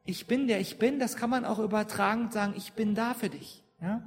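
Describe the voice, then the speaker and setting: In a long-reverb church, a woman speaks briskly at a medium pitch as she gives a sermon. She keeps drawing in her congregation with questions and frequent "ja?".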